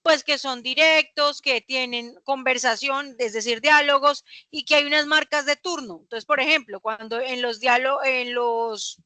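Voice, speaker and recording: A woman's voice: sits high, steady tone, measured pace, few pauses, sharp tone, no echo. A young woman, teaching a class and explaining patiently with rhetorical questions. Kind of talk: classroom lecture.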